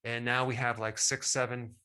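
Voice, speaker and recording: A man's voice: mid-range voice, little pitch movement, moderate pace, bright, forceful tone, clean tone. A middle-aged man hosting a health talk straight to the viewer, enthusiastic and emphatic, with casual asides. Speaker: health educator host. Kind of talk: direct-to-camera health talk.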